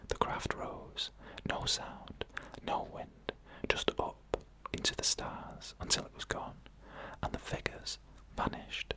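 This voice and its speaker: In a hushed whisper right up against the microphone, an ASMR narrator relates a creepy first-person story, pacing it slowly with deliberate pauses. The audio is poor.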